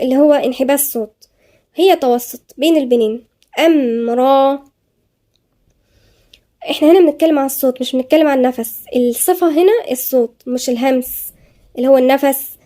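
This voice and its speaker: Woman, Egyptian Arabic accent, high pitched, mellow tone, patient step-by-step tajweed teaching. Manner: explains letter by letter, then recites slowly and drawn out. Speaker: Quran recitation teacher. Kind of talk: tajweed lesson with slow recitation.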